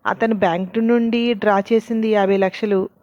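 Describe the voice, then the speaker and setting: A woman's voice: mid-range voice, fairly even intonation, moderate pace, darkish tone, no room sound, muffled recording, close to an everyday voice. A woman doing a firm questioning policewoman. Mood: probing. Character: sharp, probing woman police officer.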